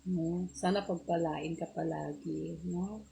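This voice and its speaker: A woman in her forties with an Ilocano accent, chatting softly on a live stream, greeting viewers and laughing often. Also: lowish voice, fairly even intonation, slow, gravelly, slight background noise. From Pangasinan, Philippines. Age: 40s. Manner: soft-spoken, greets commenters, laughs often.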